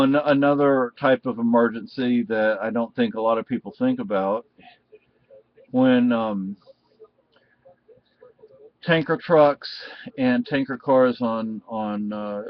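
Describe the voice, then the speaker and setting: Speaking off the cuff, this middle-aged American video reviewer rambles in a halting way, repeatedly starting his sentences over. His mid-range voice comes through with no echo and the high frequencies cut off.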